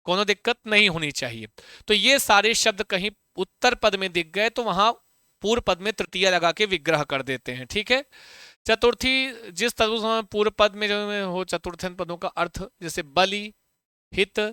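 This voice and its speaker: A man's voice: high voice, lively intonation, moderate pace, sharp tone, clean tone, no room sound, studio quality. A young adult man teaching a Sanskrit exam revision class, drilling terms through repetition and rhetorical questions.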